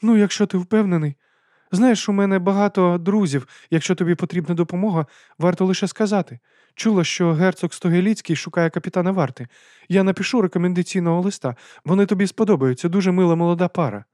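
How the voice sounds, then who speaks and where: A man voicing a kindly but flustered upper-class lady in an audiobook, talking in quick exclamations. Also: high-pitched, darkish tone, no echo, studio quality, voice pushed up, close to an everyday voice. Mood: flustered, polite. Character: hearty, fussy upper-class aristocratic lady, middle-aged. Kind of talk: audiobook character voice.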